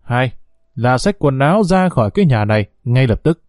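A man's voice: mid-range voice, sing-song, moderate pace, dry recording, studio quality, natural voice. Man doing a harsh angry older brother. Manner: harsh, shouting down.

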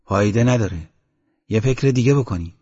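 A man's voice: fairly low pitch, animated, warm tone, slightly rough, in a large hall. A man reading the lines of a practical, fretful village headman in an audiobook, in a questioning, slightly raised voice, on a dull lo-fi recording. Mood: worried questioning.

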